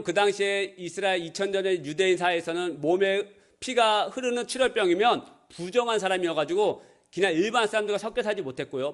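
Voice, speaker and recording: A male pastor delivers a Sunday sermon in a church sanctuary, speaking in a high register. He jokes lightly with the congregation and breaks into small acted voices for the people in his anecdotes. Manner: playful, acts out voices in anecdotes.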